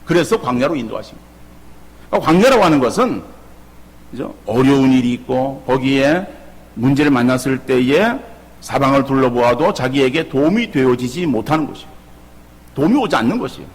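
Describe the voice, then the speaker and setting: Middle-aged male pastor, husky, animated sermon full of rhetorical questions, reverberant church hall. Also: mid-range voice, a little fast. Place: church sanctuary.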